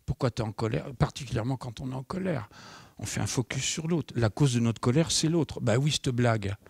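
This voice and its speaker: A middle-aged man giving a live conference talk as a trainer, lively, acting out short dialogues and putting questions to the audience. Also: mid-range voice, a little fast, gravelly, slightly rough, no echo. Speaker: nonviolent communication trainer. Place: conference room.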